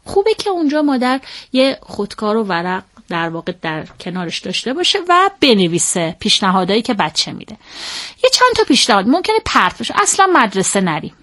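A woman speaking as a parenting expert in an interview, explaining step by step in a measured, methodical way and often pausing to rephrase. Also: mid-range voice, sing-song, a bit bright.

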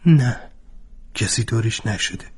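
A man's voice: on the low side, animated, husky, voice pushed up. A man voicing a worried, weary middle-aged mother who answers in short, reluctant replies in a storybook reading.

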